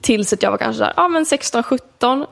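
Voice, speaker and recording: A woman in her twenties, a podcast guest telling stories in casual chat with quick tangents. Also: on the high side, expressive, vocal fry. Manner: chatty storyteller, quick tangents.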